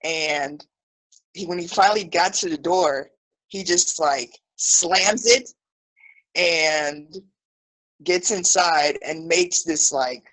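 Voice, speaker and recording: On a low-quality recording, a woman speaks in a low-pitched voice at a slow pace. She is in her thirties, from Brazil, and works as an English teacher, casually storytelling about a comedy film on a video call livestream in a relaxed, chatty way with lots of "you know".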